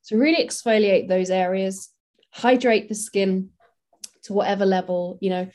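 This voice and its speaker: A woman's voice: mid-range voice, normal speed, darkish tone. A woman, a makeup artist, talking casually and practically in an interview, with many fillers.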